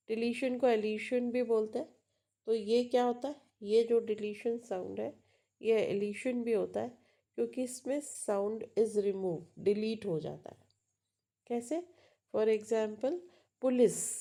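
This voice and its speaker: A woman teaching phonology at a slow, unhurried pace, with a dark, mellow tone. She switches between Hindi and English and repeats each example word several times to model how it sounds. She often pauses to check that her students are following. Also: a little high. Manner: explains slowly, mixing Hindi and English, checks in with "है ना?". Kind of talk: lecture on phonology.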